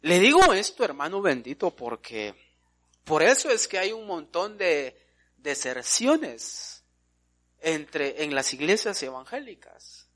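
A man's voice: sits high, a bit bright. A male preacher, delivering an emphatic sermon and often addressing his listeners as brother.

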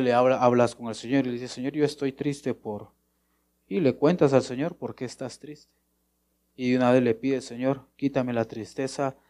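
A man preaching a sermon to his congregation, asking questions and answering them himself, and now and then softly acting out a short prayer. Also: mid-range voice. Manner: acts out short prayers and replies in a softer voice.

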